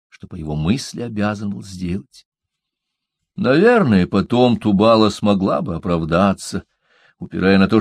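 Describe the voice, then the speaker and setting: A man's voice: lowish voice, vocal fry, no room sound, studio quality. A man reading a fantasy audiobook aloud in a dramatic, vivid way. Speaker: audiobook narrator. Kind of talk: scripted fantasy narration.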